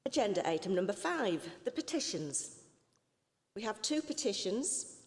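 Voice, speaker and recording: A woman's voice: medium pitch, sing-song, normal speed. A woman serving as Lord Mayor, chairing a city council meeting and calling agenda items, with the odd apologetic slip. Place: council chamber. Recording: council chamber with long reverb.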